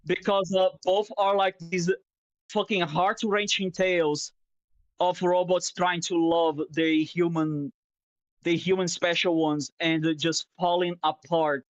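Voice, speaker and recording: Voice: medium pitch, flat delivery, a little slow, no echo. A streamer in casual chat, wandering from thought to thought with plenty of swearing and open sentiment. The voice sits mid-range, dry and close on a slightly muffled headset mic. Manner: rambling, profane, sentimental. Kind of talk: casual chat while drawing.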